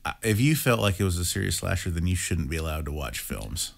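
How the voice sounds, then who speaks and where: A young man co-hosting a horror film review, measured and opinionated in a wry, casual chat. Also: low-pitched, sing-song, gravelly.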